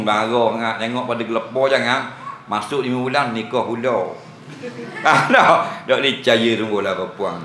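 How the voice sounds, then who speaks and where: A man with a Terengganu Malay accent teaches an evening religious lecture in a village prayer hall, joking with and teasing his audience and laughing often. His voice is medium-pitched, bright and forceful. The hall sounds echoey, with faint ambience and slight background noise.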